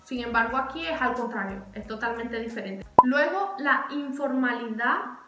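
A woman's voice: a little high, lively intonation, moderate pace, over loud music. A young woman chatting animatedly as a vlogger, repeating words for emphasis. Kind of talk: casual chatty explainer. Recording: echoey room.

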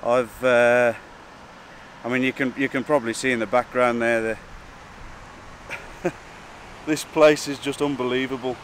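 A man chats to his camera in an informal, halting way. His voice sits at a medium pitch. He is outdoors on a breezy hillside beside rushing water, with faint wind and water noise around him. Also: steady tone, a bit bright. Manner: informal, hesitant and chatty. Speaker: wildlife photography vlogger. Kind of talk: casual vlog to camera.

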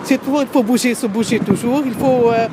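Emphatic high-voiced woman on a street. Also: fairly quick. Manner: emphatic, insistent. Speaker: interviewee. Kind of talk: street vox pop answer. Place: busy city sidewalk outdoors. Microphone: handheld phone held by interviewer. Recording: street noise, mic at a distance.

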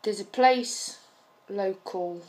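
Slow-talking East Midlands woman, hesitant. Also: medium pitch, darkish tone. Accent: East Midlands English. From England. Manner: chatty, hesitant with frequent ums. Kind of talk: casual accent-tag video.

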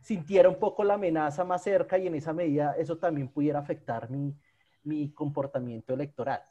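A man's voice: fairly high pitch, fairly quick, mellow, lo-fi sound. A man asking questions in an online academic discussion, phrasing things hesitantly and repeating words. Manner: hesitant, careful phrasing with repetitions. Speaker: seminar participant asking questions. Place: online video call.

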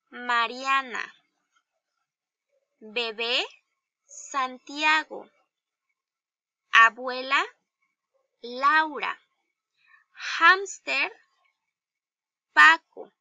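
A woman teacher with a Mexican Spanish accent, giving a slow, deliberate grammar lesson to young children and asking them questions. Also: high voice, expressive, sharp tone, dry recording, highs cut off. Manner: slow, deliberate, spells out each example; addresses pupils directly with questions. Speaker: primary school teacher.

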